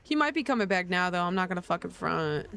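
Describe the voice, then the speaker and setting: A man's voice: high voice, sing-song, quick pace, gravelly, pushed and bright. Joking, swearing male game streamer. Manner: joking, laughs often, swears. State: tired after a long night. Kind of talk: casual gaming stream chatter.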